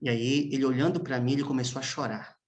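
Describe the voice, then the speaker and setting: A man, a pastor preaching a sermon as emotional storytelling, with long pauses and hushed moments. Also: mid-range voice, fairly even intonation.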